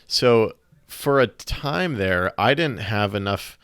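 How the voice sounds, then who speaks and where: A man talks through his thoughts on a solo podcast, earnest and searching, often restarting and pausing, a little out of breath. His voice sits low and sounds smooth and resonant. The recording is close and dry, with no room sound. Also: animated, a bit bright, no room sound. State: slightly out of breath. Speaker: podcast host. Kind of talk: reflective solo podcast monologue.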